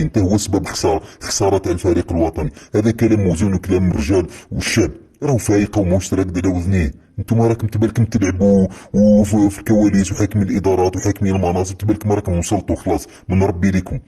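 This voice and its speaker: A man with an Algerian accent delivering a heated, accusatory monologue as a football commentator, repeating his points forcefully. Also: sits low, slightly rough. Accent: Algerian Arabic. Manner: heated, accusatory, repetitive rant. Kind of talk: impassioned monologue.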